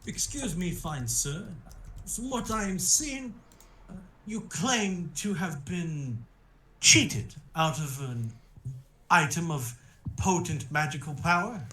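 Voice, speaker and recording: A courteous, learned dog spellcaster played by a man in a tabletop game, formal and measured. The voice is bright and slow, in a roomy space. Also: a little high, lively intonation, heavily acted. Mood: polite, formal. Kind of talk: tabletop role-play. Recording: roomy echo.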